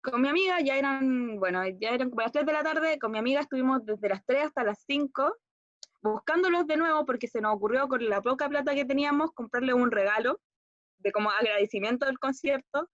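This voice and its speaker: A young woman with a Chilean accent recounts a personal story as a monologue exercise. Her voice sits a bit high, and she keeps circling back with fillers and self-corrections. The recording is dry and a little muffled. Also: a little fast, no echo. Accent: Chilean Spanish. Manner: rambling, hesitant storytelling with fillers and restarts. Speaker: acting student.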